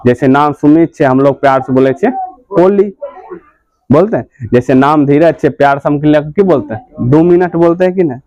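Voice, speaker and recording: A man's voice: a little high, normal speed, darkish tone, muffled recording. A male teacher with a Bihari accent explaining a story in a class lesson, keeps asking quiz questions and answering them himself, repeating key points. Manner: repetitive, drilling key points.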